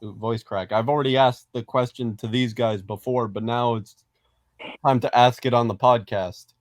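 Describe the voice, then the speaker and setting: A man's voice: mid-range voice, fairly even intonation, moderate pace, no room sound. A man co-hosting a casual fan podcast, talking in a rambling, hesitant way with many restarts. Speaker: podcast co-host.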